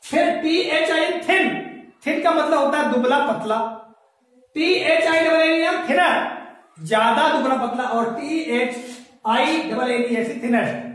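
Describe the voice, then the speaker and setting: Woman teacher, high voice, patient and step-by-step, recorded from a distance in an echoey room. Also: a little slow. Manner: patient, spells words letter by letter, checks understanding often. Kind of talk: classroom lesson. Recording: echoey room, mic far off.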